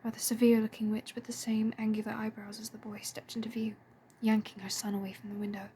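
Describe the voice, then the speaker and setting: A woman reading a story aloud in a soft, breathy and hushed way. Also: medium pitch, completely flat delivery, fast talker, slight background noise. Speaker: fan audiobook reader. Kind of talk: storybook narration.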